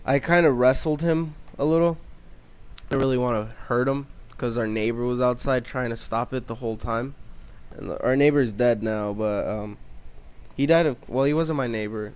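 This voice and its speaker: Young male vlogger, smooth voice, casual profane storyteller. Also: medium pitch, darkish tone. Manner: rambling, profane, filler-heavy delivery.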